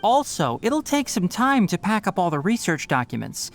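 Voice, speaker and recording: A man voicing a brisk, responsible young forest ranger in a fantasy video game, speaking in an articulate, matter-of-fact, instructive way. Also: high voice, big pitch swings. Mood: firm, concerned.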